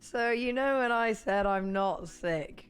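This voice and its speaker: A young woman with a British accent, hoarse since losing her voice, talks casually with stream viewers, rambling and often laughing. Her voice is on the high side and she takes it slowly, with faint music behind.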